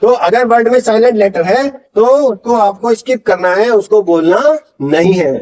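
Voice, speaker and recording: High-voiced Indian man teaching pronunciation. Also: darkish tone, highs cut off. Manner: slow, drawn-out model words for learners to repeat; patient, explanatory teaching. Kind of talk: Hindi-language pronunciation lesson.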